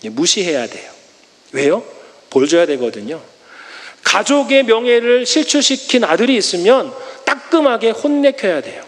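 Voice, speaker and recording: A man's voice: sits high, moderate pace, big-room sound. A male pastor giving a Sunday sermon, telling the story animatedly with rhetorical questions. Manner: animated storytelling with acted quotes. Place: church sanctuary.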